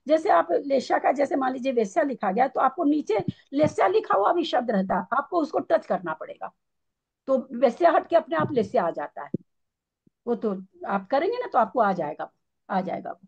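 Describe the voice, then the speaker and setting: A woman's voice: high-pitched, very animated, moderate pace, gravelly, lo-fi sound. A woman teaching a scripture class in a casual, chatty way. She often restarts her sentences and explains with homely everyday examples.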